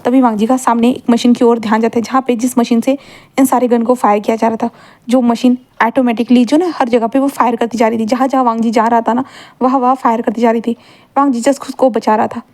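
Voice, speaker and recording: A woman's voice: on the high side, steady tone, quick pace, a little mellow. A woman retelling a fan fiction story in a rambling way, repeating linking phrases.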